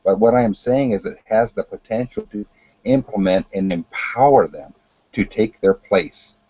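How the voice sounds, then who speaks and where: Calm earnest guy talking spiritual stuff, husky voice, repeats himself, muffled dry audio. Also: on the low side, normal speed, no room sound. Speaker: spiritual teacher. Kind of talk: unscripted spiritual talk.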